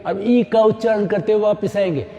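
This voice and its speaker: A man's voice: high voice, normal speed, mellow, big-room sound, lo-fi sound. A middle-aged man leading a yoga class, giving step-by-step instructions and often checking in with "है ना?". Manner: mixes English phrases into Hindi, frequent "है ना?" check-ins.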